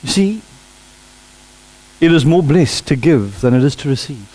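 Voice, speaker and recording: A South African man preaching in a church sanctuary, his fairly high voice ringing out with long reverb around the room. He tells stories with lively gusto, acts out sounds and gossiping voices, then sinks to a hush to drive a point home. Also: a little slow. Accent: South African English. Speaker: pastor. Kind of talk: sermon.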